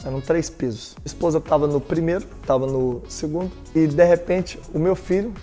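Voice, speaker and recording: A man's voice: a little high, brisk, mellow, soft background music. A man from Brazil giving a motivational talk as a speaker, telling his story emphatically and speaking straight to the listener.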